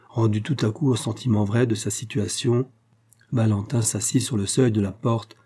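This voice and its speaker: A man narrating a classic novel as an audiobook in a measured, even way. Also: on the low side, breathy edge. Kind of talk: scripted literary narration.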